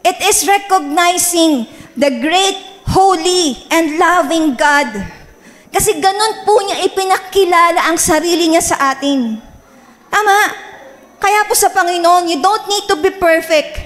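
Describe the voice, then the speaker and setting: A Filipino woman pastor preaches with a very high, bright voice. She tells a personal story with animated, acted-out lines and keeps asking the congregation questions. Her voice carries a long reverb from a big hall. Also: unhurried. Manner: animated, acts out quoted voices, asks audience. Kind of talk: storytelling sermon.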